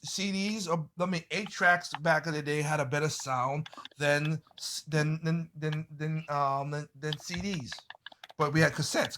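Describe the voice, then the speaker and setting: A man in a casual group chat, telling stories in an animated way, swearing freely and often restarting his phrases. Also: a little high, a little hiss or hum. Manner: animated storyteller, swears freely, exclaims loudly.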